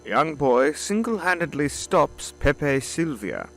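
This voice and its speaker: Man acting as Alfred, a droll, animated butler. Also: a little high, takes it slowly, soft background music, exaggerated voice. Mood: reading, incredulous. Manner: formal, dry, droll. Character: droll, formal male butler, wryly bemused by his employer. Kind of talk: audio drama acting. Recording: clear hum and clicks behind voice.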